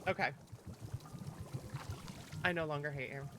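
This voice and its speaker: In this casual livestream, a VTuber streamer talks playfully with viewers while gaming and reads in-game dialogue out loud. The voice is mid-range and a little slow, and there's background noise along with game music under the speech.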